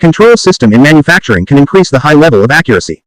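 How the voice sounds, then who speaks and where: A man's voice: a little high, big pitch swings, rapid-fire, dry recording, low-quality recording. A man dictating standalone practice sentences, reading them aloud for an English test.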